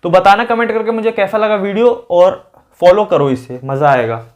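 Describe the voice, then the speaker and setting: A man's voice: high-pitched, moderate pace. A young man talking straight to students in a casual, chatty way, giving study advice on his own channel and often repeating his points. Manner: chatty, addresses viewers directly and repeats points.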